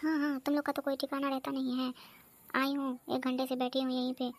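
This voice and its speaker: A woman's voice: high voice, completely flat delivery, fairly quick. A woman voicing a bossy, hot-tempered married sister on a visit in a comedy cartoon, who scolds and complains constantly. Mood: scolding. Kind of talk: cartoon voice acting.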